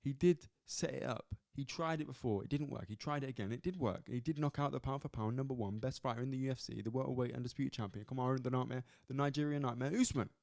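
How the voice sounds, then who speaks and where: A man hosting a solo sports podcast, reviewing fights in a loose, animated way, swearing and repeating himself as he goes. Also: mid-range voice, quick pace, vocal fry, hardly any pauses, no echo, studio quality. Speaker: podcast host. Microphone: camera at close angle.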